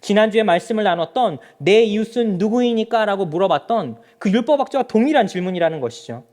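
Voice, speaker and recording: High, animated male pastor preaching. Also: quick pace. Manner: preaching directly to the congregation, asking rhetorical questions. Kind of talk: sermon. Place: church sanctuary.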